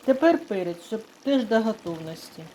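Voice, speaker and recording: A middle-aged woman hosting her own cooking channel, calmly explaining a home recipe step by step in an unhurried, chatty way. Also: mid-range voice, a little hiss or hum. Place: home kitchen. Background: sizzling frying food.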